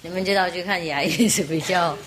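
A woman's voice: fairly low pitch, a little fast, heavy background noise. A woman teaching an audience, telling jokes in a playful, rambling way and often laughing between lines. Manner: rambling, forgetful asides. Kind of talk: joke-telling talk to an audience.

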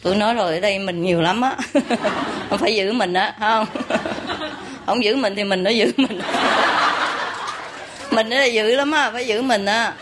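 A female spiritual teacher with a Southern Vietnamese accent gives an informal, joking teaching talk to her followers, tagging her points with rhetorical questions. She speaks at normal speed in a medium pitch amid a loud, very noisy crowd and audience laughter.

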